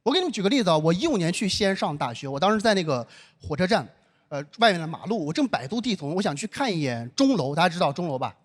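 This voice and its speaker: A young adult man from northern China doing a stand-up set, telling self-mocking stories in an animated way. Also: high-pitched, fast talker. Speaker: stand-up comedian. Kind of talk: stand-up comedy performance. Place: live comedy stage.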